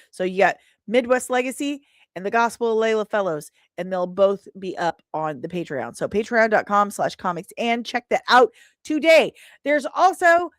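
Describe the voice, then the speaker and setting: Speaking in a mid-range voice with studio-quality audio and no echo, a woman hosting a podcast livestream chats playfully and casually with her audience. She is an indie comic creator, and this is her relaxed sign-off and promotion.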